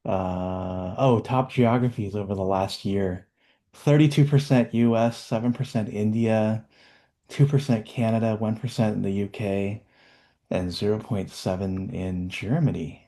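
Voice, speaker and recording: A man's voice: fairly low pitch, steady tone, unhurried, dark tone. Chatty man hosting a webinar. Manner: chatty, upbeat, many fillers. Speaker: webinar host. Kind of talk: casual webinar chat.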